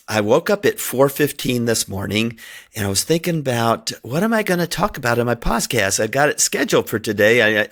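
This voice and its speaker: A middle-aged podcast host whose first language is Hungarian rambles chattily through a casual solo monologue, laughing often. His voice sits in the mid range with a fairly bright tone.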